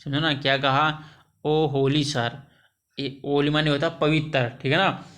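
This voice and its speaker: A man's voice: a little high, level tone, sharp tone. A male teacher, reading a story aloud and translating it line by line, patient and repetitive with frequent checking asides. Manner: slow and patient, repeats each phrase, many checking asides. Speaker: English teacher.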